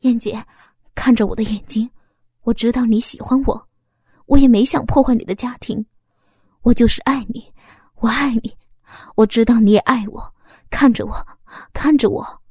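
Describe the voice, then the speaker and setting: A woman's voice: fairly high pitch, fairly even intonation, moderate pace, pauses often, mellow, slightly rough, no room sound, clean studio sound. A woman voicing an earnest, stammering young man in love. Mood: pleading. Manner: stammering and urgent. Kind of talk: audiobook character voice.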